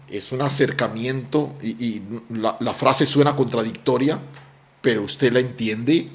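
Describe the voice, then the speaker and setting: A man preaching a sermon as pastor, emphatic, often dropping soft on key words and repeating phrases. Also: on the high side.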